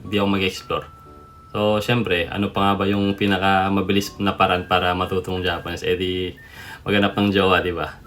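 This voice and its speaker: Pinoy guy spinning a long personal story, kinda low voice, keeps saying boy, faint hum behind. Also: fairly bright tone. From Philippines. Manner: chatty, keeps calling the listener "boy". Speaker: vlogger telling a personal story. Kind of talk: casual storytelling to camera.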